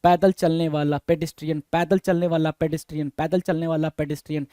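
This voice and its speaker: A man's voice: on the high side, flat delivery, fast talker, warm tone, dry recording, clean studio sound. A man teaching English vocabulary for exam prep, casually quizzing listeners and spelling words out letter by letter. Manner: quizzes listeners with rhetorical questions; casual, calls listeners "bhai".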